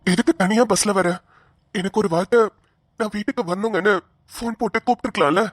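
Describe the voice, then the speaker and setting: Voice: mid-range voice, fairly quick, no echo, studio quality, lightly acted. A voice actor playing an earnest, principled young husband in a cartoon, speaking colloquial Tamil Nadu Tamil. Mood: firm. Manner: earnest, questioning, firm.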